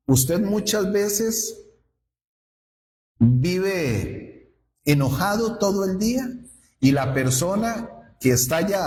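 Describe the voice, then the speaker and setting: A male pastor delivers a sermon in a high voice that leaps up and down as he questions his listeners. He speaks slowly and deliberately. The sound rings with the long reverb of a church hall. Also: a little mellow, a little hiss or hum. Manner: rhetorical questions to the congregation, wide swings in pitch.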